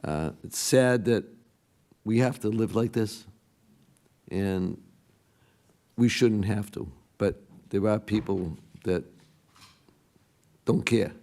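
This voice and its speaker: Man, raspy whispery hoarse voice, mellow tone, low pitch, halting delivery, informal council remarks. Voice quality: raspy, strained, partly whispery. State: hoarse, recovering from a lost voice. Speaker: city councilor.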